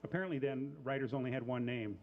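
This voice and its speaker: A man hosting a live coffee house show, casual and halting, with lots of fillers and dry little jokes. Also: mid-range voice, phone-quality sound, a little hiss or hum. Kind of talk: casual live emcee patter.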